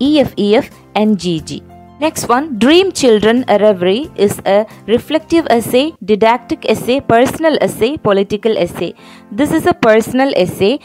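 A woman teacher with a Malayali accent talks through exam answers at a very slow, measured pace. Her voice sits a little high. Faint music plays under the lecture. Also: darkish tone. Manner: reads questions slowly, explains in quick Malayalam asides.

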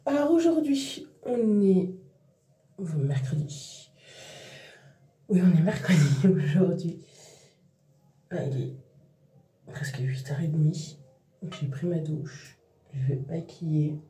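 A tired mother vents to her viewers in a casual vlog to camera, her deep, mellow voice animated but slow, with long pauses, restarts and trailing phrases. The recording has a roomy echo, with her voice a bit far from the mic.

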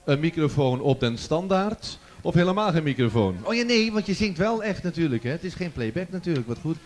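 Jokey and chatty, a man hosts a children's song contest live on stage in a large festival tent, teasing the audience through a handheld microphone. His highish voice swings widely in pitch, and he speaks a little fast.

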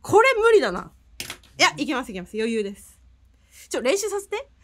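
A woman hosting a comedic radio variety show, sharp-tongued and quick to shout in mock anger. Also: high-pitched, very animated. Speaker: radio show host, VTuber.

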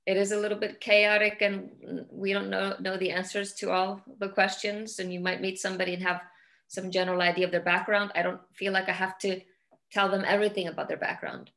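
A woman's voice: medium pitch, flat delivery, brisk, gravelly, a bit bright. A middle-aged woman from Iceland with an Icelandic accent, a film director talking casually over a video call, searching for words and often repeating them. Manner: thoughtful, repeats words while searching for phrasing. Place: home room with large windows.

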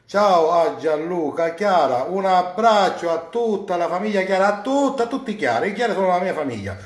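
A man from Sicily hosting a cooking live stream from his home kitchen, warmly greeting viewers one by one and drawing out their names. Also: high-pitched, lively intonation, reverberant. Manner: warm, effusive greetings, drawn-out names. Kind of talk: casual live-stream shout-outs.

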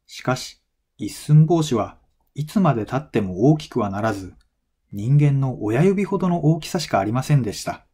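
Reading a folktale aloud for language learners, a man follows a script with measured, clearly phrased storytelling. He has a dark tone in a mid-range, animated voice.

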